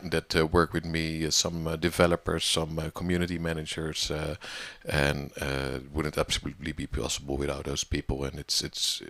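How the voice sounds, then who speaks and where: A man's voice: a bass voice, completely flat delivery, moderate pace, few pauses, fairly bright tone, dry recording. A man being interviewed about organizing an online music community, talking casually with many fillers and restarts.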